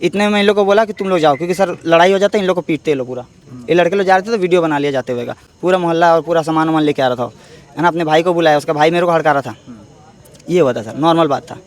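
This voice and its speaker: A young man speaks quickly in a fairly high voice, pressing his side of a dispute. He answers a reporter's handheld mic outdoors in an emphatic, defensive way. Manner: defensive, emphatic, repeatedly says "sir". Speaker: interviewee, ITBP jawan and cricket coach. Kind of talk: street interview.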